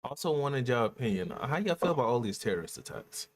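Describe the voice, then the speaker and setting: A man's voice: mid-range voice, big pitch swings, quick pace. Man hosting a casual podcast. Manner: brings up new topics, teasing and laughing. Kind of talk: casual chat.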